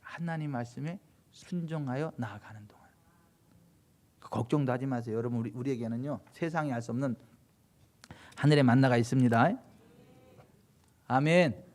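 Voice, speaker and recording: A male pastor preaching a sermon, emphatic and full of rhetorical questions, swinging between loud exhortation and hushed low passages. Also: moderate pace, long pauses. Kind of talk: Korean sermon at a Friday late-night service.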